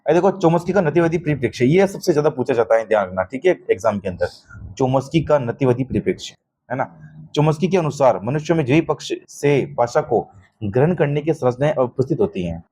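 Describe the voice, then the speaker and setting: A man lectures for an exam-prep class in a somewhat higher voice. He keeps asking quick checking questions and addresses his students as "beta", in a patient, repetitive teaching manner. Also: expressive, warm tone, husky. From Rajasthan.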